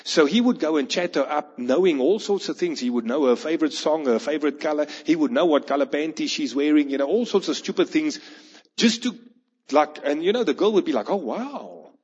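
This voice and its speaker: A man's voice: a little high, a little fast, darkish tone, slightly rough. A man preaching a sermon, telling a parable and acting out its people. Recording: long hall reverb, dull lo-fi sound.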